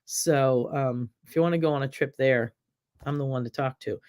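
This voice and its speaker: A middle-aged American woman hosts a casual cooking livestream, rambling in a friendly way, saying um a lot, and reading viewer comments aloud. Her very deep, darkish voice is slightly raspy as she recovers from an illness, and she speaks at a moderate pace.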